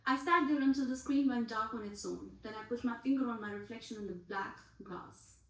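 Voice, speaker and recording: A woman reads literary prose in a measured, reflective tone. Her voice sits a little high, and the room around her is echoey. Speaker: author. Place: festival venue.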